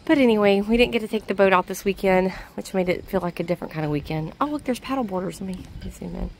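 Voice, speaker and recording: A woman's voice: medium pitch, quick pace, gravelly, darkish tone, slight background noise. A woman chatting casually to the camera in a vlog, laughing often, recorded outdoors on a docked boat. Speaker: vlog co-host.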